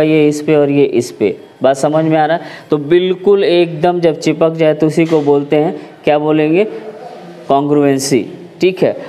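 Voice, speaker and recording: A man's voice: fairly high pitch, darkish tone. Hindi-speaking man teaching a math lesson. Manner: explanatory, checks understanding with repeated questions.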